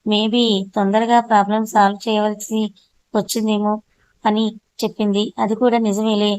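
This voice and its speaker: Clear, dry-voiced woman storyteller. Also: mid-range voice, moderate pace, no echo. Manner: reads every character in her own voice, steady and clear. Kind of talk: scripted audiobook narration.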